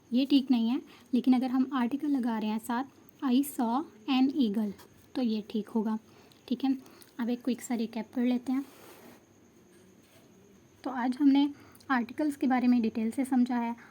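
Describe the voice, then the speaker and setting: Female grammar teacher, fairly high, soft warm tone, patient explainer. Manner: patient, checks understanding, mixes Hindi and English. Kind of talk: explanatory lesson.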